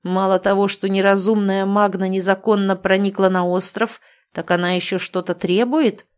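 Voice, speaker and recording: A woman voicing a stern, cruel male island guard who talks with rough scorn, in a read-aloud fantasy story. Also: medium pitch, level tone, normal speed, close to an everyday voice. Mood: angry.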